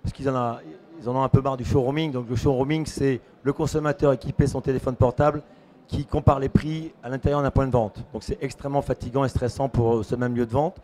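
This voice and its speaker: A man with a hoarse voice, a consultant speaking on a panel and explaining with many fillers. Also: mid-range voice, steady tone, quick pace, mellow. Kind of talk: panel discussion.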